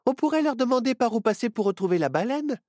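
A man's voice: very high voice, lively intonation, fast talker, a little mellow, no echo, clean studio sound, pitched above the performer's own voice. A man voicing a young apprentice witch girl in a children's storybook, eager and sure of herself.

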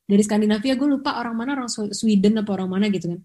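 A young woman, co-hosting a podcast in casual, animated chat. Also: mid-range voice, very fast. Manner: chatty, animated storytelling with Jakarta slang. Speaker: podcast co-host.

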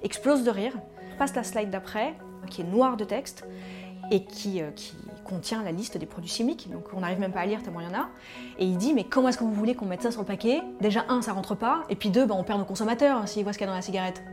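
On a storytelling podcast, a woman in her 30s from Paris, France, who works as a tobacco cessation specialist, shares her life story openly with frequent fillers. She speaks quickly in a medium pitch while music plays behind her.

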